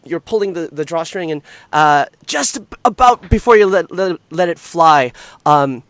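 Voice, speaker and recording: A man acting as game master, improvising narration for a tabletop game in halting, hesitant phrases. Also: a little high, expressive, fairly bright tone, no echo.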